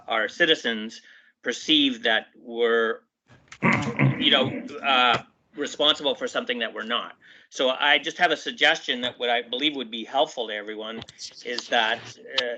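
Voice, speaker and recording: Man, councillor, council meeting, very bright voice, hesitant, fillers and restarts, muffled lo-fi audio. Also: mid-range voice, steady tone, normal speed.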